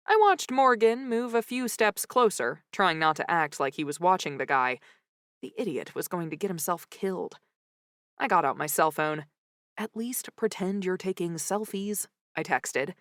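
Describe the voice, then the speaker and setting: A woman narrating a comic mystery audiobook in first person with lively, wry storytelling, close to the mic. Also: fairly low pitch, dry recording.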